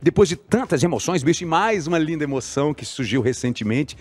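A man's voice: on the high side, lively intonation, fast talker, dry recording. A man with a Brazilian Portuguese accent hosting a podcast interview, teasing and joking with his guest. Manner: playful, teasing, sing-song bits. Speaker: podcast host. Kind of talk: casual interview chat.

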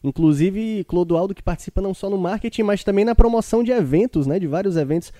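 A man co-hosting a sports talk show in a measured, explanatory way. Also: sits high, mellow, dry recording, studio quality.

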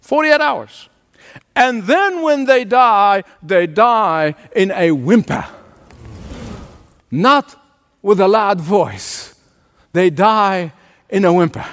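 A man's voice: extremely high pitch, fairly bright tone, in a large hall. A man preaching a sermon as pastor, emphatic and driving home points through repetition. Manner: emphatic preaching with repeated phrases.

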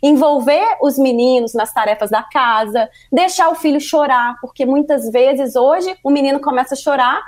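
A woman's voice: high-pitched, moderate pace, hardly any pauses. A woman with a Brazilian Portuguese accent, answering as a guest in an interview. She explains earnestly and often adds a questioning tag. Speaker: guest, workplace parenthood consultant.

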